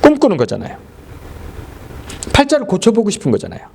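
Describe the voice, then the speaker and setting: A male pastor preaching at a church service, animated and often quizzing the congregation with quick questions. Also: high voice, gravelly, a little hiss or hum. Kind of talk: sermon.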